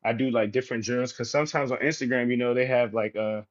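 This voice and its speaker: An easygoing man talks in a relaxed, rambling way, leaning on fillers as he goes. His voice sits in a middling pitch. The sound is a little muffled and lo-fi. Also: quick pace. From United States. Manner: relaxed, rambling, many fillers like "you know". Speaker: guest, professional basketball player. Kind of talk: casual interview talk.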